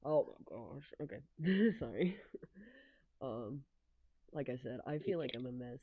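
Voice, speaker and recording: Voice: medium pitch, lively intonation, measured pace, slight background noise. Congested, giggly streamer on a muffled call. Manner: giggly, rambling with many fillers. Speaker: streamer, artist. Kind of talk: casual chat on a drawing stream. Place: home room.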